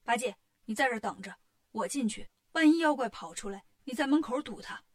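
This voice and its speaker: A woman's voice: fairly high pitch, lively intonation, brisk. A woman doing a brash monkey king hero.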